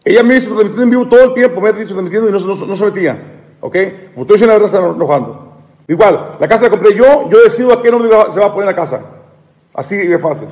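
A man tells an aggrieved story on a live stream, stumbling over repeated words and restarting his sentences. His voice is high for a man. A long hall-like reverb trails behind him. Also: expressive, fast talker, a little mellow. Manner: repetitive, stammering, aggrieved. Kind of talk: rambling live-stream monologue.

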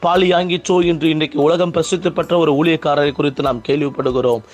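A man's voice: on the high side, fairly even intonation, fast. A male pastor preaching a fervent sermon, repeating phrases and putting direct questions to his listeners.

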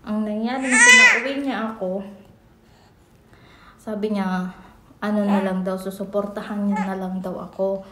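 A woman's voice: medium pitch, expressive, a little slow, long pauses. Chatty Filipino woman in an echoey room. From Philippines. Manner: chatty, rambling with restarts. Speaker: vlogger. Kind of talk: casual storytelling vlog. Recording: echoey room, faint noise.

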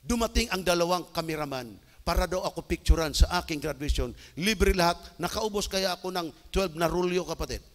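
A man from the Philippines preaching a sermon as an evangelist, telling stories with sudden shouted bursts. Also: high-pitched, a little fast. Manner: animated storytelling with bursts of shouting. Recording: long hall reverb.

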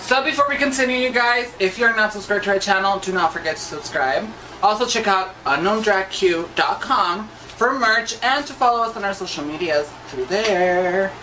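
A man's voice: high-pitched, moderate pace, bright, forceful tone, recorded from a distance, slight background noise, poor audio. A man from the United States, a drag queen, giving casual reaction commentary with gushing, slangy banter. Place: small decorated studio, indoors. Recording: music behind the talk.

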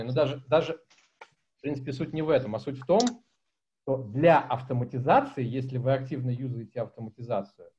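Answering questions as a conference speaker, this medium-pitched man in his forties joins a tech meetup by video call from a small home room. His manner is casual, lively and full of gestures, picked up by a laptop webcam mic that sounds a little dull.

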